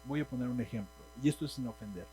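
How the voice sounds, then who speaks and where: A man's voice: medium pitch, fast talker, dark tone, low-quality recording. Mexican guy preaching in church, emphatic, keeps asking the crowd stuff, light mains hum behind. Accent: Mexican Spanish. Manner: emphatic, asks the congregation questions. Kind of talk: sermon. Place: church hall.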